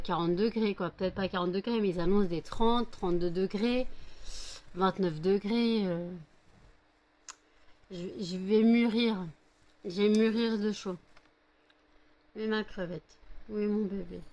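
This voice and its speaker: A French woman vlogger chats casually, rambling with plenty of fillers and cooing baby talk to her dogs between remarks. Her voice is mid-range with a darkish tone, and she sounds sleepy and hot.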